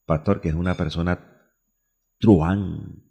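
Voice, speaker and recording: A man's voice: sits low, steady tone, slow pace, gravelly, mellow, breathy edge, in a large hall. A man from Colombia preaching a radio sermon, asking himself questions and repeating phrases for emphasis. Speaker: pastor.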